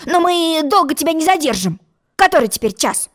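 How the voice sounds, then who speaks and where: A woman's voice: high voice, big pitch swings, brisk, voice pushed up. A woman voicing a timid, worried little warrior. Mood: anxious. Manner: hesitant and worried.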